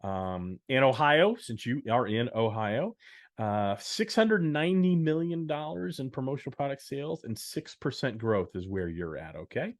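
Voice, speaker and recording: A man's voice: medium pitch, very animated, moderate pace. A man from the United States co-hosting a casual business podcast, chatting and walking through numbers. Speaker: podcast co-host.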